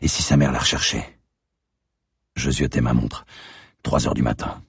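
A man narrating an audiobook in a measured, tense first-person storytelling voice. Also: a bass voice, fairly even intonation, husky, no room sound, clean studio sound.

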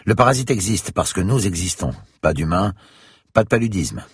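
Guy doing a stiff science prof lecturing, husky voice, bit higher than his own, bouncy pitch. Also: animated, normal speed, dry recording, studio quality, exaggerated voice. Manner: lecturing, precise. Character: grave, pedantic male parasitology professor.

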